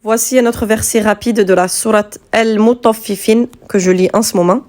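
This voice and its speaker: A woman teaching Quranic letters step by step, patient and clear, spelling out sounds slowly and distinctly. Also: mid-range voice, fairly even intonation, darkish tone.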